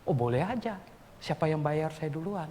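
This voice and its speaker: Man doing a casual older male neighbor, slightly higher and gravelly, in a reverberant hall. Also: animated, moderate pace, mellow, a little hiss or hum, lightly acted. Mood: easygoing.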